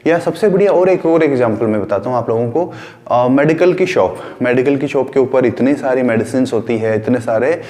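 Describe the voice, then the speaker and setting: A man's voice: mid-range voice, brisk, dark tone, big-room sound. A man teaching a school science class. He explains with everyday examples, repeats his key points and asks questions, then answers them himself. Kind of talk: classroom lecture.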